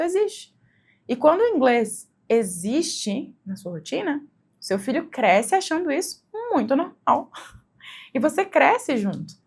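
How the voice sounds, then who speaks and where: A woman's voice: high voice, husky. A woman with a Brazilian accent giving a conversational lesson to the camera, often checking in with tag questions. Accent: Brazilian Portuguese. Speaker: English teacher for mothers. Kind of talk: instructional video talk to the camera.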